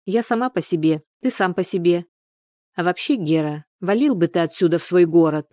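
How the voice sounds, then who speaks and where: The audiobook narrator voicing a scornful, sharp-tongued young woman from a village who scolds in short bursts. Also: mid-range voice, moderate pace, dry recording, clean studio sound, lightly acted. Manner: snapping, scolding.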